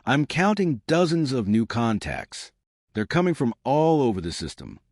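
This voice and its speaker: A man's voice: medium pitch, big pitch swings, normal speed, a little mellow, no echo, clean studio sound, voice pushed up. A man voicing a dutiful alien tactical officer. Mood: reporting. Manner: formal, reporting.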